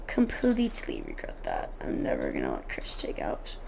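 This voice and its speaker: Role-play shop owner, casual narration; pitch leaps all over, self-correcting ramble. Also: huge pitch swings, moderate pace, gravelly, a little mellow. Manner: rambling, often restarting and correcting themselves. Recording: noisy recording.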